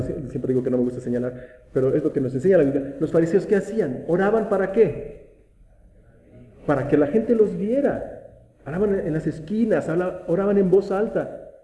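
Male pastor, sermon delivery, dark soft tone, church reverb, self-correcting as he goes. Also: high voice. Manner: asks rhetorical questions, restarts words often. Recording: echoey room.

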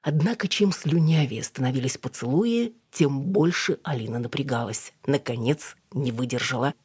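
An audiobook narrator with a low, husky female voice delivers scripted narration expressively at a moderate pace. Her tone is a little mellow, and the clean studio recording has no room sound.

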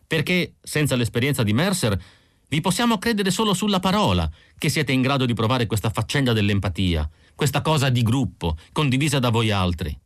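A male audiobook narrator voicing an excitable android woman who speaks high and insistently. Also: fairly quick, no room sound, clean studio sound, natural voice.

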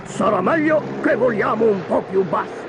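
A woman's voice: on the high side, expressive, moderate pace, voice pushed up, close to an everyday voice. A woman voicing a hearty, bumbling male pilot in a storybook, jolly and old-fashioned in manner. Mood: apologetic. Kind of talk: storybook character voice. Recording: noisy lo-fi audiobook recording.

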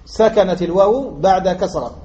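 A man from Algeria teaching a grammar text, pausing to ask his students questions and repeating key points. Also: sits high, mellow. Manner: asks students rhetorical questions and drills the point. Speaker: sheikh teaching Arabic morphology. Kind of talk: classroom lesson explaining a grammar text. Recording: muffled lo-fi lesson recording with faint background noise.

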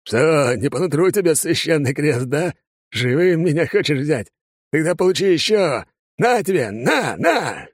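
A man's voice: fairly high pitch, moderate pace, darkish tone, dry recording, studio quality, pitched above the performer's own voice. A man voicing a terrified, superstitious old drunk who shrieks and wails in slurred, hysterical rants. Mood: crazed triumph.

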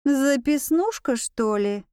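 A woman's voice: lively intonation, slow, darkish tone, dry recording, clean studio sound. A woman playing a jumpy young heroine. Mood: wary. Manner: squeaky, startled questions.

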